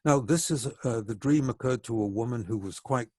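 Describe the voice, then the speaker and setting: A man giving a reflective psychology lecture, measured and explanatory, slowing down to stress key points. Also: medium pitch, a little mellow, no room sound.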